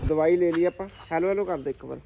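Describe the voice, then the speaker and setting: A man's voice: fairly high pitch, quick pace, gravelly, muffled recording, background noise. A man from Punjab, India, chatting casually to his vlog viewers from inside a car and coaxing a small child to talk. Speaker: vlogger.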